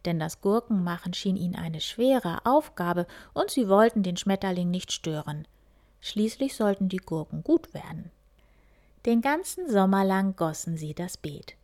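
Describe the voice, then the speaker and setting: A woman softly whispering a children's story, reading one tale after another. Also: lowish voice. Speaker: reader.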